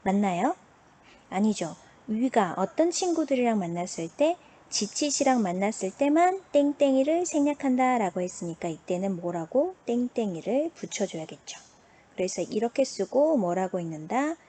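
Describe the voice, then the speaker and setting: A woman teacher talks over her lesson slides in a slightly high, mellow voice with a husky edge. She asks the class a question and then answers it herself, at a patient pace. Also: animated, moderate pace. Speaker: Chinese language teacher. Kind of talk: online classroom lecture.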